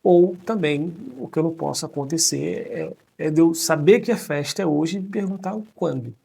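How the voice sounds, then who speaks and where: A man in his thirties, a teacher, explaining grammar with lots of tag questions and slow, careful English examples. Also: a little high, vocal fry, dark tone, husky. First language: Portuguese. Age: 30s.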